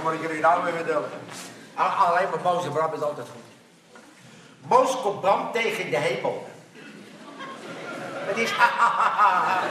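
A man telling a string of jokes to a live audience, acting out the characters in a lively way. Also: high-pitched, heavy background noise. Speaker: stand-up comedian. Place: theater stage with a live audience. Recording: echoey hall from far off.

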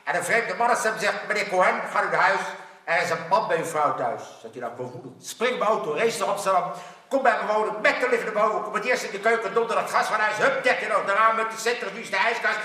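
A man telling a string of jokes to a live audience, acting out the characters in a lively way. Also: high-pitched, quick pace. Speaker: stand-up comedian. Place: theater stage with a live audience. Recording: echoey hall from far off.

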